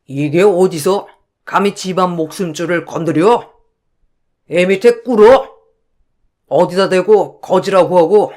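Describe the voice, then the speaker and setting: An actor playing a stern elderly father-in-law in a radio drama, roaring and scolding. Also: high voice. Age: older.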